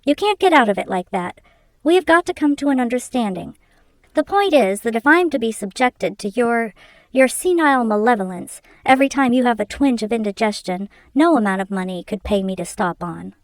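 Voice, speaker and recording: A woman's voice: fairly high pitch, expressive, fairly quick, no room sound. A woman doing a brash, lecturing young man. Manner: bold, lecturing, commanding.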